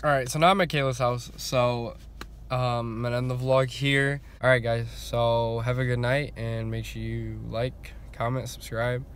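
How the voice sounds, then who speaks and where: A man's voice: mid-range voice, flat delivery, normal speed, fairly bright tone, slight background noise. A man in his twenties talks to his vlog in a casual, laid-back way. He speaks into a phone held at arm's length inside a car. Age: 20s. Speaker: vlogger.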